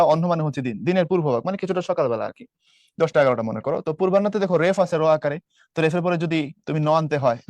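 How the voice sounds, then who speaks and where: A quick-talking man from Bangladesh running an exam prep lesson, his voice sitting a little high. He fires rhetorical questions at his students between answers, recorded close and dry with no room sound. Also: a little mellow, no room sound.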